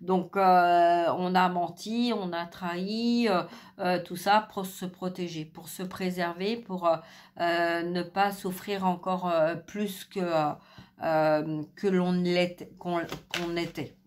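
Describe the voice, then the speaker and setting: A middle-aged woman giving a spiritual card reading, hesitant with many fillers, speaking softly because she is losing her voice. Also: on the low side, fairly even intonation, slow pace. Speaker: tarot card reader.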